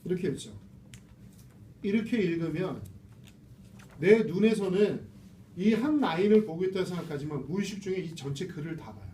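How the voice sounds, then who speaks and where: Male reading instructor, high lively voice, mellow tone, casual lecture in a roomy room caught from a distance. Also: moderate pace, pauses often. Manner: chatty, asks the class rhetorical questions. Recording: roomy, distant mic with faint noise.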